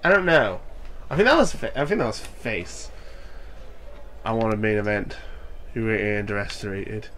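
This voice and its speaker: Sounding nasal from a cold, a young gaming YouTuber jokes and swears through a wrestling game, reading lines aloud and breaking into loud mock cheers. His voice is on the low side and animated, at a moderate pace with long pauses and slight background noise.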